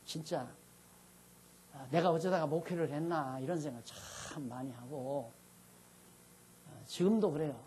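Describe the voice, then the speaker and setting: A man's voice: a little high, a little slow, long pauses, slight background noise. An older man, a pastor, giving a chatty, self-reflective Bible lecture while seated before a class. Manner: chatty, self-reflective, sometimes mimics shouting preachers. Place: seated, speaking informally to a class.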